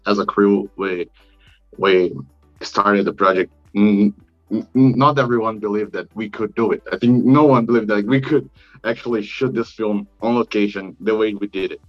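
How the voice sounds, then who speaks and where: Low-voiced man in an echoey, muffled recording. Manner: halting, repeats words, blunt swearing. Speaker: guest filmmaker. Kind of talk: casual interview answers. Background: music.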